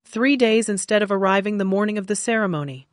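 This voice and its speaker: A woman's voice: mid-range voice, quick pace, dry recording, studio quality, natural voice. A woman reading the lines of a caring young male doctor, a husband who speaks eagerly and tenderly.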